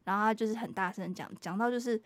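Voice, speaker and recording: A woman with a mid-range voice talks quickly, with no room sound, as she co-hosts a podcast. In a casual chat, she animatedly tells a story from work and acts out the customers.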